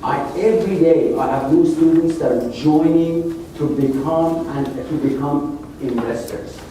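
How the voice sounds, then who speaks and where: Male seminar host, warm tone, banters with the crowd, recorded from afar in a reverberant room. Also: fairly high pitch, measured pace, a little hiss or hum. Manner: chatty, jokey, engages the audience. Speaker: real estate club founder and host. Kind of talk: seminar talk to an audience. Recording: echoey meeting room, mic at a distance.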